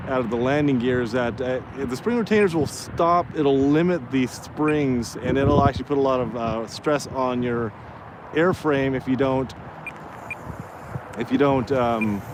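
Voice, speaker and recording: A man with a medium-pitched voice talks casually while flying a model plane. His delivery is hesitant and rambling, with trailing pauses. Clear wind and outdoor motor noise sit behind him. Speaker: radio-control plane vlogger. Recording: noisy windy outdoor recording with vehicle sound.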